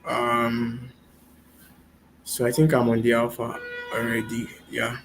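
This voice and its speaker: A man's voice: medium pitch, completely flat delivery, takes it slowly, gravelly, a bit bright, faint music behind. A man chatting on a video call, his audio choppy and breaking up, talking hesitantly with lots of ums and likes as a developer co-hosting a livestream. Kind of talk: casual chat over a video call.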